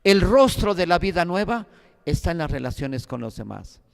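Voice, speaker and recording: Sacerdote mexicano dando clase bíblica, voz algo aguda y rasposa, tono exhortativo, sala con eco largo. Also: male voice, on the high side, big pitch swings, normal speed, in a large hall. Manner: earnest, exhortative, anecdotal. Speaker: priest teaching a Bible course. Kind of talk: Bible class lecture.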